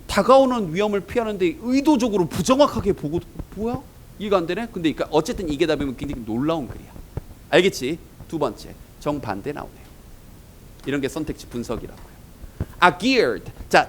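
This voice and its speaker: A male teacher works through English test answers in a lecture, firing rhetorical questions at his students. His voice sits on the higher side and swings widely up and down. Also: very animated, a little fast, a little hiss or hum, low-quality recording. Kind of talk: exam-prep lecture.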